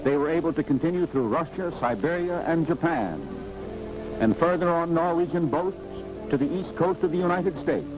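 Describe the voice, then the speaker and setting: A man's voice: a little high, moderate pace. A man giving formal, scripted narration in an old newsreel. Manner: formal, declamatory. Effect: old newsreel recording. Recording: dull lo-fi 1940s newsreel audio with music. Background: music score.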